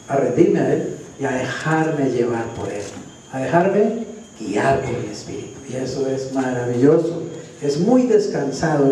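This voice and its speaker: A man with a Colombian Spanish accent preaching a sermon as pastor, animated and often asking the congregation questions. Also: a little high, slight background noise. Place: church hall. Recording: very echoey church hall, distant mic.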